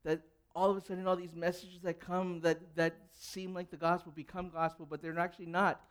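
Here the same kind of speaker is heard: a young man preaching in a conversational style and questioning his congregation, a pastor who grew up in an English-speaking country with Cantonese as his first language. The voice is high, flat, brisk and smooth.

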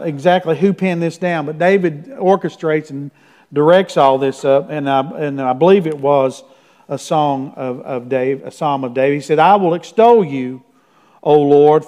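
A middle-aged pastor preaching a sermon. He reads scripture out loud with force, drops into quiet, low asides, and often checks in with his listeners with a "right?". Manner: conversational, often tags lines with "right?". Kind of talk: sermon with Bible reading.

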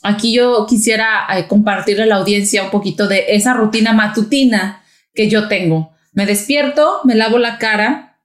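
A woman with a Mexican accent hosting a casual talk, lively and chatty, often mimicking other people's voices. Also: medium pitch, moderate pace. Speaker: podcast host. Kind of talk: casual conversation. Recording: echoey room.

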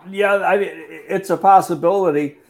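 A man's voice: high-pitched, steady tone, moderate pace, slight background noise. Man breaking down football moves. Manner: analytical, frank, with frequent fillers and restarts. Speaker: football analyst host. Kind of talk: casual football podcast talk.

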